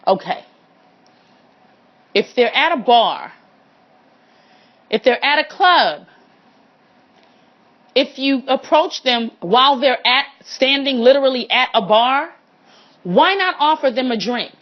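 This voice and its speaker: A woman's voice: sits high, slow pace, pauses often. Frank woman host, dull lo-fi sound. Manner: frank and animated, acts out quoted lines in character. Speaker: podcast host. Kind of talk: casual advice monologue. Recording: dull lo-fi recording.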